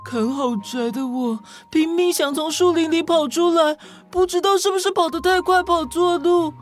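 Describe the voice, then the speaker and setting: A woman's voice: extremely high pitch, normal speed, faint music behind. A woman with a Taiwanese Mandarin accent voicing a lost, wistful dove who was once a girl, telling her tale earnestly.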